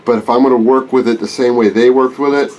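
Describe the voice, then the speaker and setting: His voice is mid-range and darkish, fast with fairly even intonation, and a little hiss or hum runs under it. The speaker is a congested man in his forties, an RC plane hobbyist and channel host, chatting casually and rambling with self-corrections in his home workshop. He films on a handheld camera held close.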